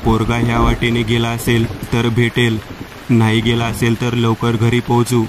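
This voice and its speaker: A worried village father talks to himself, read by a man telling a horror story. The delivery is flat and even at a middling pitch, with little rise or fall. A faint hiss runs underneath. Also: moderate pace, distant mic, close to an everyday voice.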